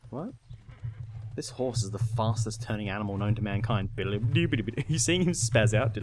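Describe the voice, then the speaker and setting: Low-voiced man cursing through a game. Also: animated, moderate pace, noisy background. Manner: swears freely, laughs often, reads game text aloud. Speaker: gamer host. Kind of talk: casual gaming commentary.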